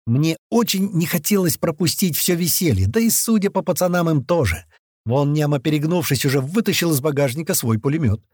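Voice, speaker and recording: A man narrating a first-person action audiobook, acting out the crew's shouted lines as he reads. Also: on the high side, a little fast, husky, no room sound, studio quality. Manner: lively, voices the gang's shouts in character.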